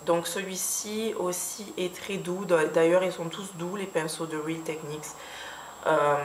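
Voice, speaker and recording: A woman with a fairly low voice explains her makeup brushes one by one, pausing often with little fillers. She sounds recorded in a roomy, echoing space, with a faint hiss underneath. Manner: hesitant, many fillers, unhurried explaining. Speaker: beauty vlogger. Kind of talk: casual product review. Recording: echoey room with faint background hiss.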